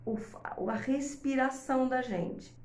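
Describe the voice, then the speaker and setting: A woman's voice: high voice, takes it slowly, darkish tone. A woman talking casually to mothers, explaining step by step and checking in often with her listeners. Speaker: host giving advice to mothers. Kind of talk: casual advice talk to viewers. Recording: echoey room.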